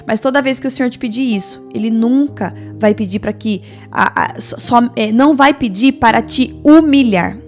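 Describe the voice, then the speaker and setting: A woman preaching a morning devotional, emphatic and alternating quick asides with slow, weighty phrases. Her voice is fairly high. Soft music plays faintly underneath.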